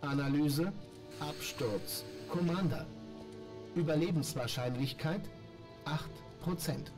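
An actor voicing a malfunctioning male robot companion that reports system errors in clipped, flat phrases, with game music behind. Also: a little high, slow pace. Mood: mechanical. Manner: clipped, flat machine reports in single words. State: glitching, malfunctioning. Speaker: game character.

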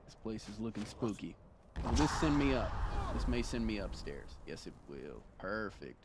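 A man's voice: fairly low pitch, moderate pace. Trash-talking man doing casual gameplay commentary. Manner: profane, joking, talks trash to enemies. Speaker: gaming video host. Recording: steady background noise.

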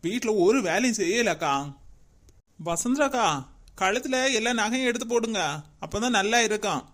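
A man's voice: high voice, normal speed, fairly bright tone. A man voicing a chatty, teasing female relative in a cartoon, needling the others as he talks. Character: chatty female relative Chittu, sharp-tongued teaser.

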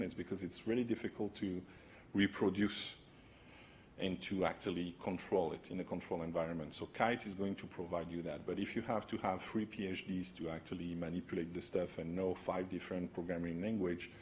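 There's slight background noise as this low, somewhat mellow-voiced man in his forties talks through technical material at a conference. He's at a podium microphone in a large indoor hall, keeping it casual and often asking "right?".

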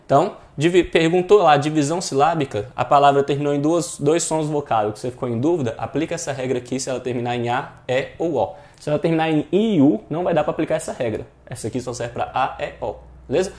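A man's voice: a little high, fast talker, few pauses, darkish tone. A Brazilian Portuguese-speaking male teacher explaining grammar exercises in an online exam-prep class, often checking in with rhetorical questions.

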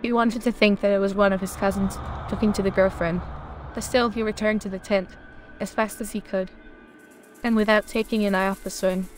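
A woman tells a scripted horror story in a steady, measured way. Her voice sits at an ordinary middle pitch. Soft music plays quietly underneath. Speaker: narrator.

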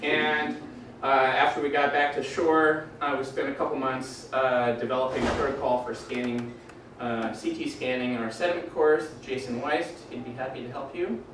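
A man giving an academic presentation in a lecture room, relaxed, with dry jokes and many "uh" fillers. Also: medium pitch, moderate pace, noisy background. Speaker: doctoral candidate presenting his defense. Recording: echoey room, voice from far off.

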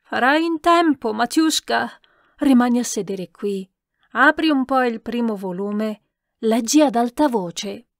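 A woman's voice: fairly high pitch, animated, a little slow, dry recording, studio quality, pitched above the performer's own voice. Woman voicing an imperious old countess. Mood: scolding. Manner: commanding, peevish, raised voice. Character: imperious elderly countess, fussy and scolding.

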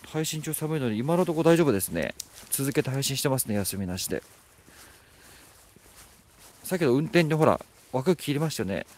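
A man's voice: mid-range voice, lively intonation, moderate pace, pauses often, a little mellow. A man live-streaming outdoors at night, chatting casually and teasing as he reads out viewer comments. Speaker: livestreamer. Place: outdoors at night at a rural spot.

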